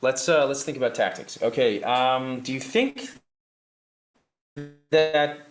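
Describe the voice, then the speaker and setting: A man's voice: mid-range voice, takes it slowly. A man acting in a satirical comedy sketch, talking in a mock-earnest, sarcastic way and sometimes breaking into laughter.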